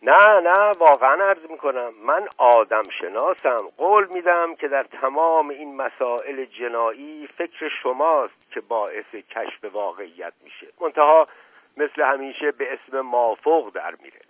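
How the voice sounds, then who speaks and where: A sly, charming aristocrat flatters with smooth, teasing liveliness, as a male storyteller plays him. The recording sounds thin and phone-like, and dry. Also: mid-range voice, dry recording, close to an everyday voice. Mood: flattering. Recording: tinny lo-fi dry audio.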